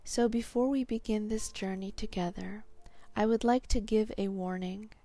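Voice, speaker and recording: A woman guiding a hypnosis meditation in a calm, soothing, meditative tone, soft and breathy, sinking toward a whisper at phrase ends. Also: medium pitch, moderate pace, no room sound. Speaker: hypnotherapy guide.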